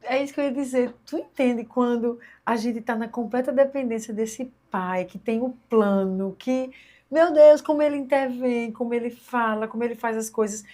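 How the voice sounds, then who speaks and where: A woman's voice: fairly high pitch, normal speed, warm tone. A woman hosting a podcast, reacting often with short exclamations. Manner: frequent emotional interjections while listening. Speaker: podcast host. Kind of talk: casual podcast conversation.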